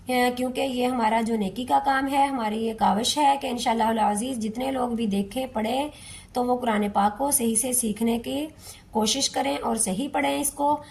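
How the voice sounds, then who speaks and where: A woman teaching Quran recitation to beginners, patiently repeating and stretching each syllable in a slow step-by-step lesson. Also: on the high side, fairly even intonation, darkish tone.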